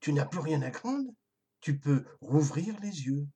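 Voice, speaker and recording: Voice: medium pitch, sing-song, unhurried, dark tone, slightly rough, exaggerated voice. A storyteller voicing a chorus of cheerful little red flowers. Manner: cheerful, laughing.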